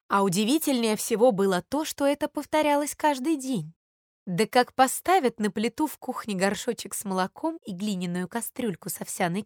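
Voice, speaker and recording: A woman's voice: medium pitch, dry recording, studio quality. Woman reading a fairy tale aloud. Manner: expressive, measured reading. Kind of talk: storybook narration.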